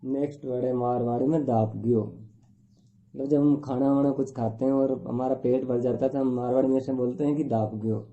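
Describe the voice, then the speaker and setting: Man slowly teaching words over a tinny line. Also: mid-range voice, steady tone. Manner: slow, repetitive listing of words with translations. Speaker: language teacher. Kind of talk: word-by-word vocabulary lesson. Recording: tinny phone-like recording.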